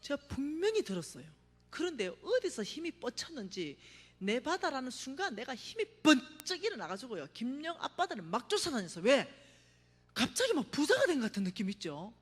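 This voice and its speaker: Woman preacher, middle-aged, testimony sermon, dramatic storytelling, very expressive pitch, echoing church sanctuary. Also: brisk, breathy edge. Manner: animated storytelling, acts out her own cries, drops to a hush for emphasis. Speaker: revival meeting speaker. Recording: reverberant church hall.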